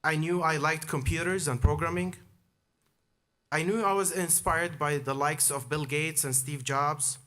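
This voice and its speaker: A man in his thirties from Amman, Jordan, gives a prepared commencement speech as an alumnus, built around his personal story. His voice is on the high side, steady and a little slow, with a sharp tone.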